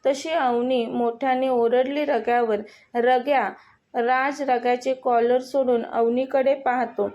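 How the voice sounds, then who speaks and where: A woman's voice: high-pitched, little pitch movement, a little slow, a little mellow, muffled recording. A woman with a Marathi accent reading a romantic story aloud, voicing all the characters' lines in her own voice. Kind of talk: scripted story narration.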